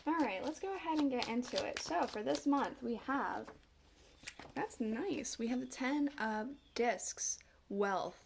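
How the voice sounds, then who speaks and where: A woman with a congested voice, recovering from a cough, giving a casual tarot reading with halting pauses. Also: on the high side, gravelly, a little hiss or hum. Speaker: tarot reader.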